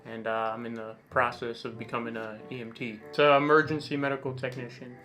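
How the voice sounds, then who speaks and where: A man's voice: mid-range voice, little pitch movement, brisk, pushed and bright, faint music behind. A man in his twenties with an American accent, answering interview questions in an easygoing, plain way. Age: 20s. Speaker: guest. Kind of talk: casual interview.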